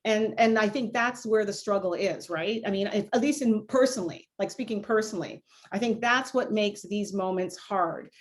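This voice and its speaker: A woman's voice: mid-range voice, normal speed, hardly any pauses. Woman dean from jamaica, grew up in canada, thoughtful and blunt, lots of "you know". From Jamaica, raised in Canada. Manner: reflective, candid, many "you know" fillers. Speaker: law school dean, panelist. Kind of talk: panel discussion answer.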